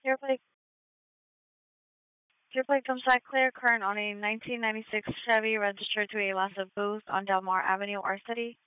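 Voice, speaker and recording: Woman police dispatcher on the radio: quick, crisp, all business, thin phone-like band. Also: mid-range voice, dry recording. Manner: brisk, flat procedural readout. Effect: police radio transmission. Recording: tinny narrow-band radio.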